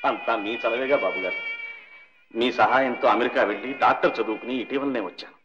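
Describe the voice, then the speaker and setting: A man's voice: mid-range voice, fast talker, fairly bright tone, lightly acted. An actor playing a young male doctor, earnest and reverent toward the old man who paid for his studies, in a film melodrama. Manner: earnest, reverent, calls out in anguish. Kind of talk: 1960s Telugu film melodrama. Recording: dull old film soundtrack with faint music.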